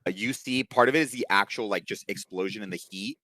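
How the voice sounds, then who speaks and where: A man with a very low voice runs a tabletop game as game master over an online call. He narrates in a relaxed way, with many fillers. The sound is dry and close. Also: fast talker, no room sound.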